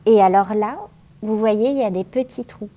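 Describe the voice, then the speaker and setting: A woman guiding a children's museum tour, explaining clearly and kindly. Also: medium pitch, normal speed, dark tone, a little hiss or hum. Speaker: museum guide.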